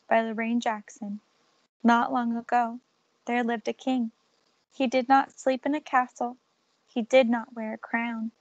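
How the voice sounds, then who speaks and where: A woman's voice: on the high side, gravelly, no echo, lo-fi sound. A woman reading a picture book aloud, telling the story expressively and raising or dropping her volume for drama. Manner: expressive, shifts loudness for drama. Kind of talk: read-aloud storybook narration.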